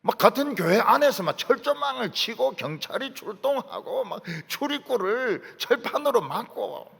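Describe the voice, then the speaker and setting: Animated, gravelly preacher. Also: male voice, very high-pitched, moderate pace, in a large hall. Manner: emphatic, punctuates with short affirmations and rhetorical questions. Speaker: pastor. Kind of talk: sermon. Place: large church sanctuary.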